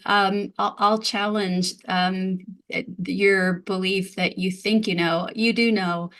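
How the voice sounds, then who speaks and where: A woman's voice: mid-range voice, fairly bright tone. A woman conducting a conversational interview as the interviewer.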